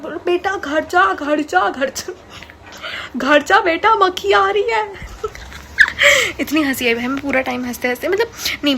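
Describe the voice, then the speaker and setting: A woman's voice: sits high, fairly bright tone, a little hiss or hum. A teenage girl from India, a student vlogger chatting casually and laughing often as she mixes English into Hindi, recorded in her bedroom. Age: teens. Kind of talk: casual storytelling vlog. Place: bedroom, on bed.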